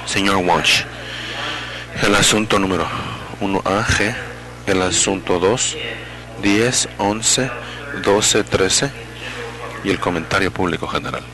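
This simultaneous interpreter at a public meeting is a man whose voice is very low. His words arrive in stop-start fragments, often revised mid-phrase, against a noisy background.

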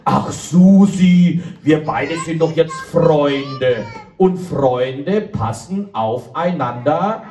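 A man's voice: a little high, extremely slow, a little hiss or hum. A man playing a friendly, chatty young male puppet character who talks directly to the children in a live puppet show. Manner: chatty, addresses children directly, lively storyteller. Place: indoor kindergarten room. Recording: echoey room from far off, with guitar music.

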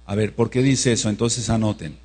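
A man from Mexico giving a teaching sermon as pastor, who checks in with the congregation and slowly spells out words. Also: on the low side, steady tone, a little mellow, slightly rough. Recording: reverberant hall with mains hum.

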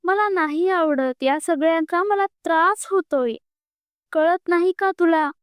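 A woman's voice: high-pitched, level tone, normal speed, no echo, lightly acted. A woman voicing an angry young man, a reluctant groom, speaking in a heated, accusing way during a storybook reading. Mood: tearful anger. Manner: heated, accusing, close to tears.

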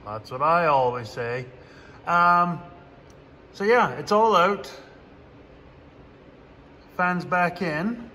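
A fairly high-voiced man walks through a tractor repair in an unhurried, plainspoken drawl, slipping in dry sarcastic asides. His voice rings off the walls of a farm workshop, with long reverb and a faint background hum. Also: bright, forceful tone. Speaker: farmer doing his own repairs. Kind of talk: casual how-to vlog narration.

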